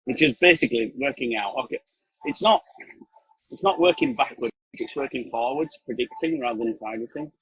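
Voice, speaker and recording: A man's voice: medium pitch, fairly quick, fairly bright tone, breathy edge, no room sound, rough recording. Man explaining emphatically on a call. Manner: poses questions then answers them, emphatic. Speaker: call-in guest, print production operator. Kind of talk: casual explanatory chat. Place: outdoors at a pub. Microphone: video call.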